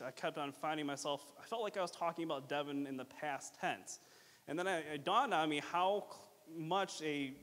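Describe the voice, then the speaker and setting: Man, rambling best man speech, fairly high pitch, informal, joking, halting restarts, lots of filler words, reverberant hall. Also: a bit bright. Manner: rambling, halting, with false starts and repeated fillers. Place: reverberant hall at a wedding reception.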